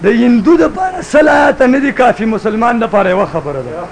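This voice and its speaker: A man's voice: very high voice, expressive, a little hiss or hum, rough recording. A man arguing combatively in a public religious debate, challenging his opponent and citing sources.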